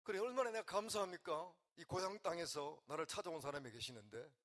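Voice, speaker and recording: An older man, a pastor from the region, preaching, swinging between quiet, emotional talk and loud calls to the congregation. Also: a little high, a little fast. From Gyeongsang region, Korea. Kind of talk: sermon.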